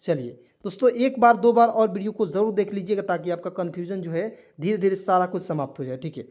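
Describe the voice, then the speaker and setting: A man's voice: sits high, fast, darkish tone. A man teaching a spoken language lesson to viewers, spelling words letter by letter and asking them repeated quiz questions.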